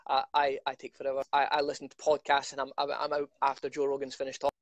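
A young man, an MMA fighter answering quick questions on a video call, chatty and self-mocking with many restarts. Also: mid-range voice, monotone, no echo. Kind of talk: casual video-call interview. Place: living room at home.

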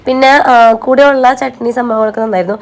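A woman's voice: on the high side, fast talker, darkish tone. A woman narrating a casual family vlog, mixing English words into her Malayalam. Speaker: family vlogger.

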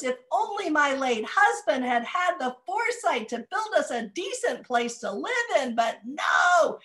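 A woman voicing a grumpy, complaining old woman who wails her grievances loudly. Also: high-pitched, pitched above the performer's own voice, full character voice. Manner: shouting, wailing complaints.

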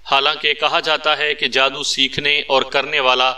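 A man's voice: a little high, flat delivery, normal speed, pushed and bright. A man voicing a jealous, needling male agent in a read-aloud story. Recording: distant mic.

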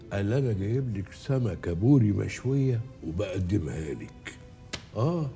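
A man's voice: medium pitch, dark tone, natural voice. An actor playing a scheming uncle, coaxing his niece in a sweet-talking Egyptian voice and repeating himself.

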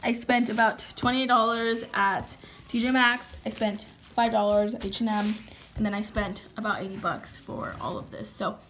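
A woman's voice: mid-range voice, fairly even intonation, moderate pace, fairly bright tone, a little hiss or hum. A young woman in her twenties chatting casually to viewers about a shopping haul, full of fillers, recorded on a phone at home. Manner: chatty, filler-heavy, addresses viewers directly. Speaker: beauty vlogger. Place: home kitchen, indoors.

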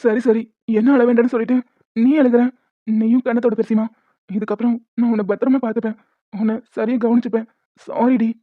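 A woman's voice: on the high side, little pitch movement, a little fast, pauses often, dry recording, close to an everyday voice. A woman voicing a pleading young husband. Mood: pleading, tender. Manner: pleading and emotional to his wife, curt and strict at work. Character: lovestruck young husband, later a stern college head. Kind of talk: cartoon voice dubbing. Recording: thin phone-like dry sound.

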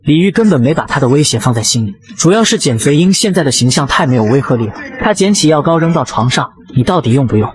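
A man narrating a comic story with brisk, lively storytelling. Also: fairly high pitch.

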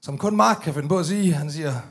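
A Danish man with an Aalborg accent telling comic stories live on stage, swearing freely and bursting into loud, acted-out quotes. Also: on the high side, noisy background. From Denmark. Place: large tent venue, live audience.

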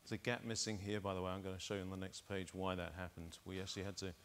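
A man's voice: sits low, flat delivery, racing, a little hiss or hum. A middle-aged man on a conference stage, talking into a lapel mic and walking the audience through test data step by step. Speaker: keynote speaker. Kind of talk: conference keynote presentation.

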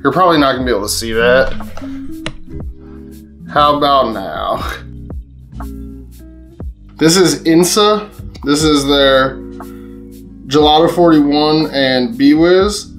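A man's voice: fairly high pitch, takes it slowly, long pauses, a bit bright, faint music behind. A man from Pennsylvania hosting a casual vlog to the camera, talking loosely with swearing, frequent laughs and mid-sentence restarts. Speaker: cannabis vlogger host. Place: indoors at home.

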